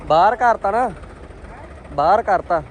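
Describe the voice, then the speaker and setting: Male vlog host, slightly high voice, informal and chummy, recorded outdoors with some engine noise. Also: lively intonation, a little slow. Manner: informal, chummy address to viewers and friends. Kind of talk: casual vlog commentary. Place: outdoors at a farm machinery fair.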